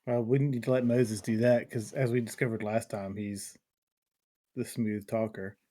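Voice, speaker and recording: A man's voice: lowish voice, little pitch movement, moderate pace, mellow. Man directing his tabletop party. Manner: takes charge, planning aloud. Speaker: player. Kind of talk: casual tabletop play.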